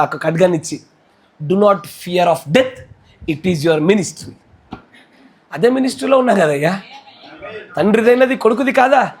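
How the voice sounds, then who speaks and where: A male pastor with a Telugu accent, preaching a fervent sermon that swings between shouting and low, intense speech.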